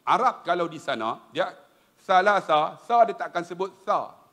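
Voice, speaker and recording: A middle-aged man with a Malaysian accent gives a lively religious lecture in a high, expressive voice, joking and turning to his listeners again and again. His voice rings through a large hall with a long reverb trailing after each phrase. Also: a little fast. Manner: animated, humorous, often addresses the audience directly. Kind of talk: lively religious talk to an audience.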